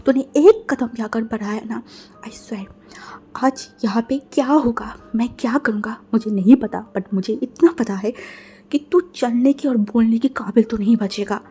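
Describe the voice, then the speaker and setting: A furious young man barks threats and orders in a storybook reading, as a woman puts him on. The voice stays fairly high, mellow and breathy, with no real disguise. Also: measured pace. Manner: harsh threats, loud commands.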